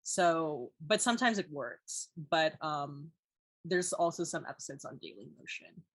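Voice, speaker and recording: A young woman co-hosting a podcast chats casually, retelling a story as an animated storyteller who uses lots of "like"s and acts out quotes. Her voice sits low, unhurried, with a breathy edge, and there is no room sound.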